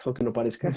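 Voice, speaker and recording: A young Colombian man speaks in a husky, warm voice of medium pitch, with a Colombian Spanish accent. He's a guest on a casual video-call chat, talking thoughtfully and running through a list of topics with plenty of fillers.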